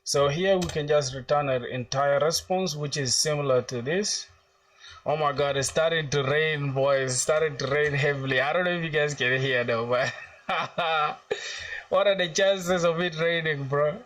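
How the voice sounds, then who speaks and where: A man's voice: on the high side, moderate pace, a bit bright, recorded from a distance. A young man from South Sudan chats his way through a coding livestream, narrating each step as he works it out and answering viewers in easy slang. His voice sits somewhat back from the microphone, with keyboard typing underneath. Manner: thinks aloud while coding, reads chat questions aloud, slangy. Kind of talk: casual live coding narration.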